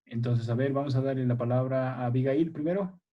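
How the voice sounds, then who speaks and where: A man's voice: mid-range voice, fairly quick, muffled recording. A man teaching a primary school language class over a video call, patiently quizzing his pupils and encouraging them. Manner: patient, encouraging, checks in often with "a ver" and "¿ya?".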